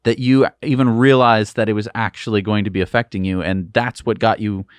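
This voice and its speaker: A man's voice: fairly low pitch, steady tone, fairly quick, smooth, dry recording. A man co-hosting a casual interview show, asking long rambling questions with many restarts. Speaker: podcast co-host.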